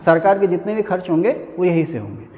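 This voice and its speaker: Lively high-voiced male lecturer in reverberant hall. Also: quick pace. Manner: chatty, addresses students as beta, frequent "hai na" asides. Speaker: civil services teacher. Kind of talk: classroom lecture.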